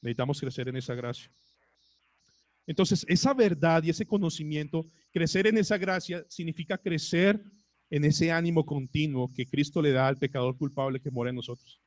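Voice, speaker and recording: A man's voice: fairly high pitch, normal speed, no room sound. A male pastor with a Colombian Spanish accent preaching a sermon to his congregation, asking them rhetorical questions. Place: church.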